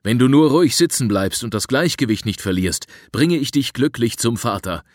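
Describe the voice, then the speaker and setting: A man voicing a steady adult adventurer who speaks calmly and firmly in a story reading. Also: medium pitch, moderate pace, no echo, clean studio sound, pitched above the performer's own voice, lightly acted. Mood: reassuring. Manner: calm and firm, raised to a call. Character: steady adult male adventurer reassuring and commanding.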